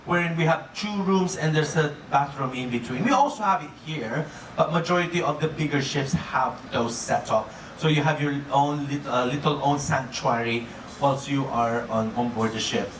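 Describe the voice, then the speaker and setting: On the high side and a little bright, his voice carries a playful cruise director's comedic live talk to guests, punctuated by frequent chuckles at his own jokes. It's recorded from afar in an echoey, noisy room.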